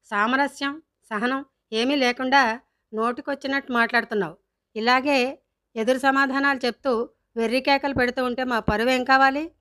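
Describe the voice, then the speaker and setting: A woman reading a storybook, voicing a sharp-tongued middle-aged mother who scolds loudly and sarcastically. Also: high-pitched, fairly even intonation, normal speed, pauses often. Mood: scolding.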